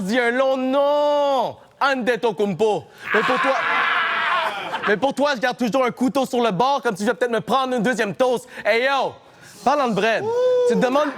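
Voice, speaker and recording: Taunting high-voiced Québécois battle rapper. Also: male voice. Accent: Québécois French. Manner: taunting, punchy delivery with shouted punchlines. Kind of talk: a cappella battle rap. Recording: noisy live battle recording.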